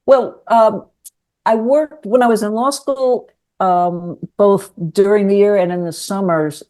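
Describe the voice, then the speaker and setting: An older woman from New York City who works as a lawyer and writer answers questions in a conversational interview. Her mid-range voice is mellow, and she responds thoughtfully and hesitantly, pausing often.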